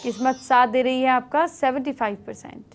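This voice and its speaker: Woman astrology host, high-ish voice, quick instructive tone, faint music behind. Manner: brisk, instructive, addresses viewers directly. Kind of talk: daily horoscope and remedies.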